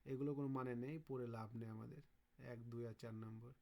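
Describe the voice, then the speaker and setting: A man leads a casual exam-prep lesson, talking students through kanji questions. He pauses to sound out Japanese words slowly, as if thinking aloud. His voice sits at an ordinary middle pitch. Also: steady tone, gravelly, warm tone. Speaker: Japanese language teacher.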